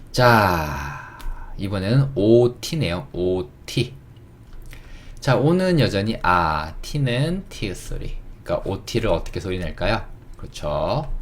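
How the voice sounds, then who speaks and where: A man teaching beginners to read English words, patient, repeating each word and checking in often. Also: fairly low pitch. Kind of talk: beginner phonics lesson.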